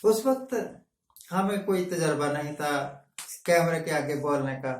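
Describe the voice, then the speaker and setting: A man speaking in a measured, explanatory way, often mixing in English words, as a vlogger giving a reflective talking-head monologue. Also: a little high. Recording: echoey room, mic at a distance.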